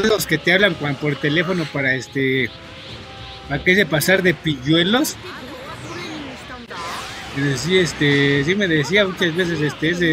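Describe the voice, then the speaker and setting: A man from Mexico with a Mexican accent, chatting to viewers while he plays, rambling, filling every pause with "este" and swearing at the game in bursts. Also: on the high side, background noise. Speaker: gaming streamer. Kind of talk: casual gameplay commentary to viewers. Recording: loud game music under the voice. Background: game music.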